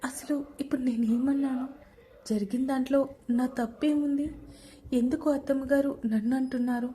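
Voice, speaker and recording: A woman's voice: high-pitched, steady tone, moderate pace, mellow, a little hiss or hum, lightly acted. A woman voicing a meek, polite young newlywed daughter-in-law. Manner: polite and respectful.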